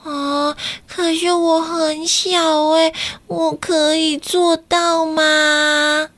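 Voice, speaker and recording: A woman voicing a tiny, timid boy from a jungle tribe in a children's storybook reading, speaking high and hesitantly. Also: flat delivery, drawn-out words, fairly bright tone, no echo, heavily acted. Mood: unsure.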